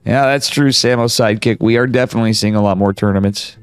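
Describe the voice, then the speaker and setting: A man's voice: fairly low pitch, fairly even intonation, fast, smooth, dry recording, faint music behind. A man with a cold and a whistling nose giving casual, slangy live esports commentary. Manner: informal, slangy, chatty. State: stuffed up with a cold.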